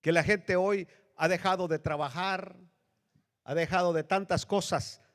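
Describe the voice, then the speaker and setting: A male pastor preaching a sermon with dramatic swings between loud, high bursts and low, hushed lines. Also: steady tone, unhurried. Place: church sanctuary. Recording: long reverb of a church hall.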